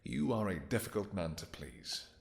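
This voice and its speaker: Haughty and menacing, a man performs a brooding, possessive yet doting vampire king in a romantic fantasy audio roleplay, using formal, archaic and theatrical language. His lowish voice is creaky and sing-song, moving at a moderate pace.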